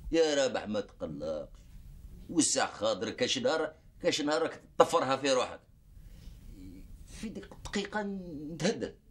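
An actor with an Algerian Arabic accent, playing a weary husband who pleads and defends himself in a TV drama. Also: male voice, mid-range voice, a bit bright. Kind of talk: TV drama acting.

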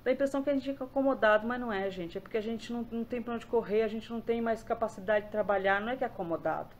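A woman from Brazil speaking casually to her viewers about something she lived through. Her delivery is conversational and a little rambling, with restarts and repetitions. She leans in with "gente" and softens her voice when replaying dialogue. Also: fairly high pitch, very fast, slight background noise. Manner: chatty, repeats herself, addresses viewers as gente. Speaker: vlogger sharing her experience. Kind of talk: casual personal account to viewers.

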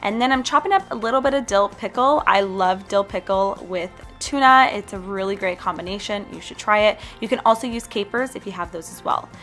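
A woman's voice: mid-range voice, a little fast, hardly any pauses, fairly bright tone. A young woman from Canada narrating her food vlog in a casual, upbeat voice-over, chatting and recommending foods directly. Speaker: healthy food vlogger. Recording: faint music behind voice.

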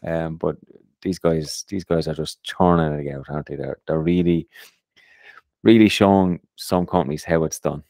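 A man hosting an investing podcast in a relaxed, casual way, often repeating his first words. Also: extremely low pitch, normal speed, dry recording, clean studio sound. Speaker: podcast host.

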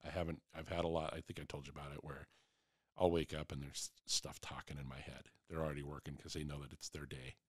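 A man's voice: very deep voice, flat delivery, quick pace, slightly rough, no room sound, studio quality. A man in his forties talking candidly and reflectively in a casual chat, with a rambling way of talking.

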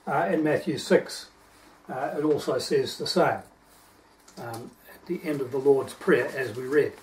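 A man's voice: mid-range voice, measured pace. A man preaching a sermon, reading scripture aloud and stopping to explain verses in an earnest teaching manner. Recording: distant microphone.

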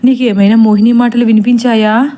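A woman's voice: on the high side, flat delivery, a little fast, warm tone, natural voice. A woman voicing a frightened older grandmother who scolds her maid in a panicky way.

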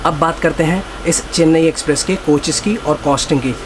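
A man's voice: a little high, a little fast. Young man vlogging from a noisy train station. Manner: upbeat, explanatory, rattles off numbers and facts. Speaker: travel vlogger. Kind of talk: casual travel vlog narration. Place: railway platform and inside a train coach. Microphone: phone camera at arm's length. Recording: noisy station phone recording. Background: station and train noise.

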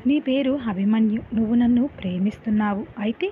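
A woman voicing an angry, sharp-tongued young woman student who snaps and shouts. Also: a little high, brisk, natural voice. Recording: phone-like lo-fi with faint hiss.

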